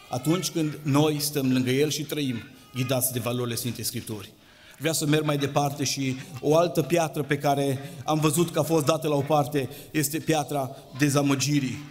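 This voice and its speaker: A mid-range male voice preaches a sermon in a church hall, his impassioned, sing-song cadence climbing and dropping. Long hall reverb fills the recording, with a bit of background noise.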